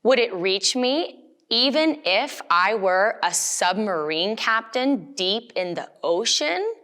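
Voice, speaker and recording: A woman's voice: mid-range voice, very animated, slow, fairly bright tone. A woman voicing a curious, wondering little boy in a children's storybook, full of questions. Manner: questioning, wide-eyed.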